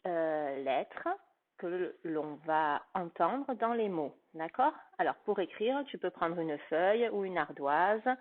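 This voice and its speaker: A woman teacher giving a phonics lesson to a young child, with patient, carefully articulated speech. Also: lowish voice. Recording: tinny phone-like sound.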